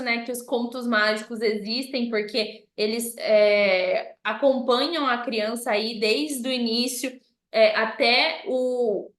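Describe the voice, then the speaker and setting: A woman's voice: on the high side, a bit bright. A woman giving an informal lesson to parents, chatty and often checking in with "tá?". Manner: conversational, often ends points with "tá?". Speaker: children's educator speaking to parents. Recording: roomy echo.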